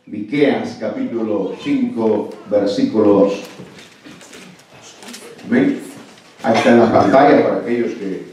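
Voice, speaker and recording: A man's voice: medium pitch, mellow, a little hiss or hum. A man from El Salvador, preaching a sermon as a pastor, emphatic and often asking "amén" and "¿verdad?". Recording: very echoey, distant, muffled church recording.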